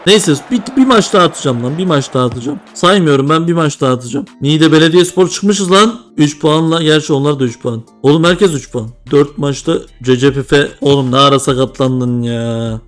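A young man commentating a mobile football game, groaning at setbacks and cheering at goals as he talks to himself. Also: a little high. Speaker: gaming video creator. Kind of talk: excited gameplay commentary.

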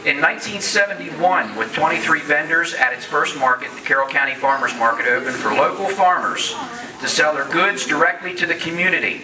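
A man's voice: fairly high pitch, a little fast. A middle-aged man presenting awards at a public ceremony. He speaks on a handheld microphone and breaks off the script to joke. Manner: joking, off-script asides. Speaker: county commissioner presenting awards. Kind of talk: casual public ceremony speech. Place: large open-sided farm hall. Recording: echoey hall, crowd noise, distant mic.

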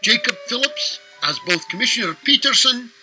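A man's voice: very high voice, animated, moderate pace, over music, rough recording. A man reading the closing credits of a radio drama in a formal announcing manner.

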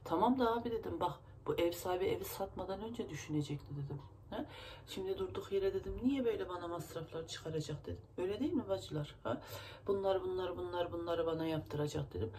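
A woman's voice: fairly low pitch, quick pace, mellow, slight background noise. Agitated woman venting to her viewers. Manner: agitated, rambling, emotional venting. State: stuffy nose from crying. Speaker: vlogger. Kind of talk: casual vlog talk to viewers.

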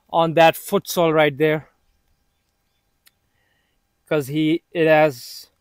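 A man talking casually to the camera about his football training, halting and self-motivating as he thinks aloud on an outdoor pitch. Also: no echo.

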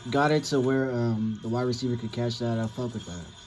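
A young man from California hosts a sports reaction video, riffing casually on a football game with lots of profanity, slang and rambling. His medium-pitched voice stays fairly even and moves a little fast.

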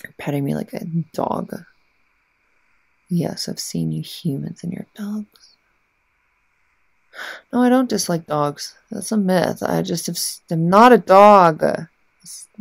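Lady doing a snooty tsundere catgirl, ASMR role-play, really slow n croaky, soft mouth sounds, secretly cuddly. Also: lowish voice, no room sound, exaggerated voice. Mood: flustered, curious. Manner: haughty, halting, reluctant murmuring. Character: haughty, secretly affectionate tsundere cat girl.

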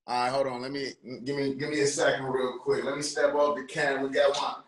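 A young man from Washington, DC, a former football player and trainer, telling stories in a lively, slangy way with many restarts. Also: medium pitch, fast. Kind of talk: casual podcast chat.

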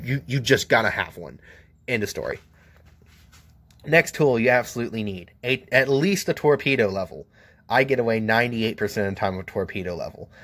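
Holding the camera in one hand, an American welder gives a joking, blunt walkthrough of his tools at an outdoor work table. His medium-pitched voice is fairly bright, and the handheld camera mic catches no echo.

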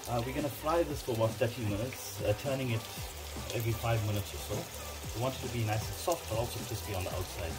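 A middle-aged man with a Durban Indian South African accent, casually hosting a cooking demonstration with relaxed step-by-step instructions. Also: mid-range voice, fast, loud music behind the voice, rough recording. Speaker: cooking show host. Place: home kitchen, indoors.

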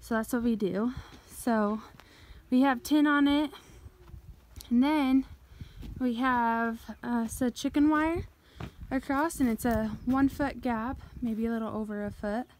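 A woman's voice: on the high side, takes it slowly, rough recording. A woman giving a casual walkthrough of a barn on her farm, explaining plainly with some fillers, recorded outdoors on a handheld phone. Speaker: farm owner giving a tour. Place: outdoors at a farm building site.

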